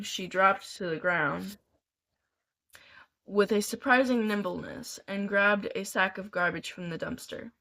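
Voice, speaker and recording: A woman reading a novel aloud in a deliberate way, sometimes restarting a phrase. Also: mid-range voice, fairly bright tone. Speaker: reader.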